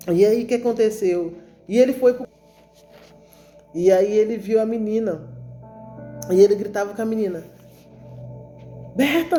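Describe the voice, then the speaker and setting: A woman's voice: medium pitch, mellow. A woman telling a religious testimony in an emotional, storytelling way, calling her listeners brothers. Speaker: testimony speaker.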